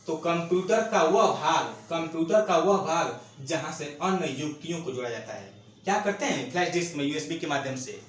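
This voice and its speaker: A man teaches a computer lesson for exam candidates, keeping a fairly high voice. He drills each term by asking the class and then answering himself. The recording is heavily echoey with faint ambient noise behind him. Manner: repetitive, asks the class questions and answers them himself.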